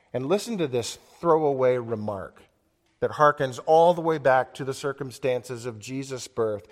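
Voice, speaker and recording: A man delivering a sermon as pastor, earnest and measured, slowing down to stress key words and reading scripture aloud. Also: medium pitch, darkish tone. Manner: earnest, measured preaching with slowed emphasis and quoted scripture. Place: church. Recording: long church reverb.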